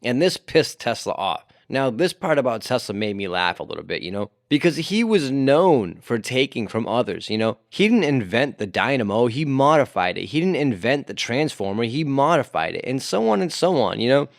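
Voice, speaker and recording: A man's voice: mid-range voice, very animated, normal speed, vocal fry, hardly any pauses, no room sound, studio quality. A man hosting a casual history podcast, talking conversationally with lots of swearing and "you know" fillers. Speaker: podcast host.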